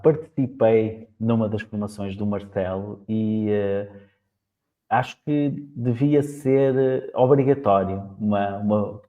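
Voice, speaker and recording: A man with a European Portuguese accent hosting a casual podcast interview, talking fast with halting restarts. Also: on the low side. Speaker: podcast host. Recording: tinny phone-like line.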